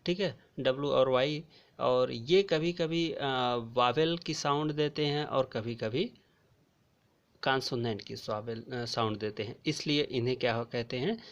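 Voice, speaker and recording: A man teaching a grammar lesson, speaking slowly and repeating key terms as he addresses his viewers as friends. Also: mid-range voice. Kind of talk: classroom lecture explaining grammar. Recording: dull lo-fi recording.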